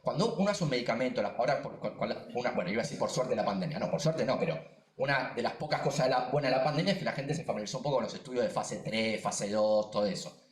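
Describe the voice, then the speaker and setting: A man's voice: mid-range voice, roomy sound. A man with a Rioplatense Spanish accent, a neuroscientist and science communicator giving an emphatic seminar talk full of asides and repetitions. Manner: emphatic, animated, quick, with many asides and repetitions. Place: lecture room.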